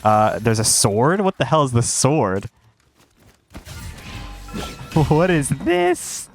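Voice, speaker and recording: Soft music plays behind a young gaming streamer whose medium-pitched, gravelly voice swoops wildly in pitch at a slow pace. He's congested while recovering from a cold, and his commentary on the game is loose, rambling, self-interrupting and slangy.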